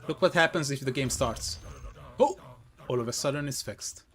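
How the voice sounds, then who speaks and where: A man's voice: mid-range voice, normal speed. A man casting a live esports match solo, chatty and talking straight to his viewers, often correcting himself mid-sentence. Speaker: esports caster. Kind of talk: live game commentary.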